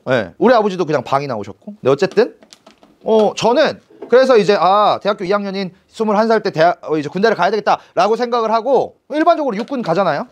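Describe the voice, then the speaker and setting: A man in his forties, an English teacher telling a personal story to his class in an animated, slangy, chatty way. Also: high-pitched. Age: 40s. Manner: animated, slangy and chatty, with frequent fillers and rhetorical questions. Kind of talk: storytelling in a lecture.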